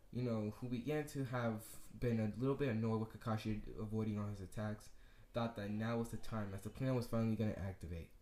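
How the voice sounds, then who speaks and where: A man's voice: medium pitch, a little mellow. Rambling young man telling fan fiction. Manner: rambling, many fillers and self-corrections. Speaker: fan story narrator. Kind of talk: improvised fan-fiction narration. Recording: echoey room.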